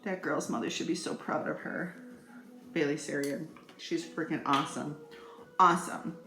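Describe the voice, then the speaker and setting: A middle-aged woman talks straight to her viewers in a casual, chatty makeup tutorial, playful and rambling. Her voice is deep and a bit bright, with fairly even intonation and normal speed, recorded in an echoey room with faint music.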